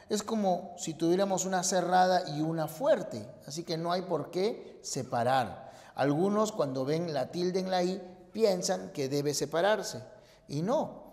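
A man teaching a grammar lesson, explaining slowly and deliberately and spelling out example words one by one. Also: on the high side, darkish tone, big-room sound.

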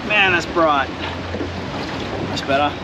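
An Australian man vlogging from a small boat on a windy river, talking in a laid-back, slangy way with sudden loud whoops. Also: on the high side, takes it slowly, highs cut off. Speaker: fishing vlogger. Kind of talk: casual outdoor vlog narration.

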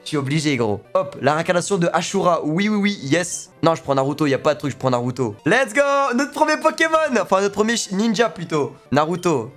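Young guy streaming a game, high voice, slangy and jokey, bit of music behind. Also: sing-song, brisk, hardly any pauses, a bit bright. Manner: slangy, joking, reacting aloud. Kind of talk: casual let's play commentary.

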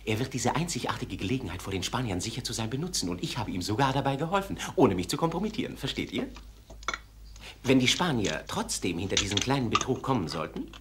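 An actor playing a sly, genial abbé diplomat in a German-dubbed period series, talking suavely and with amusement. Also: male voice, medium pitch, very animated, fast, a bit bright, slight background noise. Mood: wry. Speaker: abbé, papal envoy.

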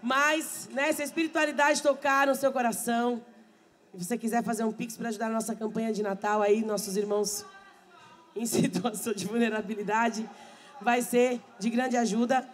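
Between songs at a live show, a middle-aged woman who sings samba and hosts the evening talks quickly and laughs with the crowd via a handheld mic. Worn down by many performances, she's hoarse and losing her voice, though her fairly high pitch stays steady. She's on an indoor bar stage backed by a live samba band.

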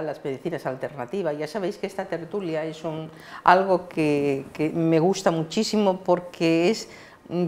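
A woman's voice: deep voice, darkish tone. A woman co-hosting a TV talk show, speaking hesitantly and searching for words. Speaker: co-host and guest professor. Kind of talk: casual TV chat. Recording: roomy studio echo.

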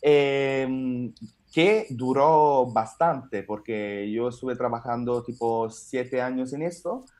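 Over a video call from his home, an Italian man in his thirties, appearing as a guest comedian, rambles through his story in a casual interview chat. He speaks slowly in a medium-pitched, darkish voice with an Italian accent, full of fillers and restarts.

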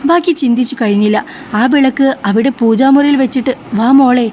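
A woman reading a story aloud in soft, steady scripted narration, in a slightly muffled recording. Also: high-pitched, brisk. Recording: slightly muffled with faint hiss.

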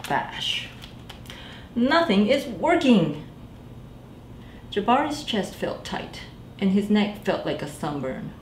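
A woman in her thirties, a librarian, reads a picture book aloud to children in a small indoor library room, giving each character a voice. Her mid-range voice moves slowly with frequent pauses, and she's animated, speaking straight to the kids. The room is echoey, with faint background noise.

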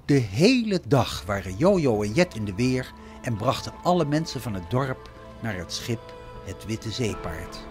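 A man narrating a children's story in a slow, expressive storytelling way. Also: mid-range voice, soft background music.

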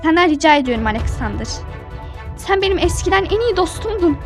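Bir kadının oynadığı koruyucu abla Anastasia. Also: female voice, extremely high pitch, very animated, over music. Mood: pleading. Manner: pleading then tender, fast-shifting. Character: fierce protective older sister, young woman. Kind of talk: toy-figure drama voice acting.

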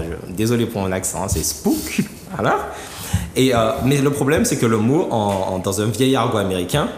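A man's voice: fairly low pitch, darkish tone. A man who is a talk show guest, explaining a book while thinking aloud, with frequent fillers and restarts. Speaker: studio guest. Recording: roomy studio with long reverb and faint noise.

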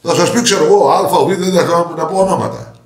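Older man telling stories, roomy echo. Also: sits high. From Greece. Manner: storytelling, acting out quoted dialogue. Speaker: parliamentary candidate. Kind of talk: interview answers.

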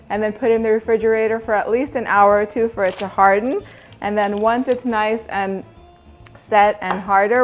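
Woman doing a cooking vid, chatty and upbeat, talks right to the viewers, faint music under it. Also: medium pitch. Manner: chatty, upbeat, instructional, addresses viewers directly. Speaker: cooking channel host. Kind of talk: casual cooking demonstration.

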